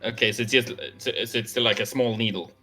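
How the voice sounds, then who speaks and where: Bright, excitable man playing a tabletop game. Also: medium pitch, fast talker, soft background music. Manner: giggly, excitable. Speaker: player. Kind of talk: casual tabletop game chat.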